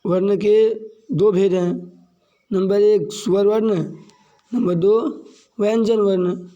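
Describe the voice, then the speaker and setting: Male teacher, high mellow voice, deliberate classroom delivery, repeats and quizzes himself. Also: fairly even intonation, highs cut off. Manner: repeats points and asks questions he answers himself; slow and deliberate, stressing key terms. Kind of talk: classroom grammar lesson.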